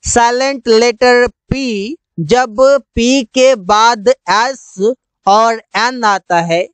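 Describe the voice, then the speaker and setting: A teacher explaining English silent-letter rules in Hindi, slowly repeating each rule and example word. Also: medium pitch, clean tone, no echo.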